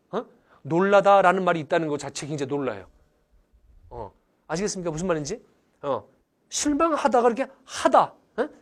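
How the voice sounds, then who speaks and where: A man teaching English grammar in a lecture. He acts out examples theatrically and keeps asking the class whether they understand. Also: high voice. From Korea. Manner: lively, theatrical, asks the class questions often. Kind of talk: animated lecture with acted-out examples.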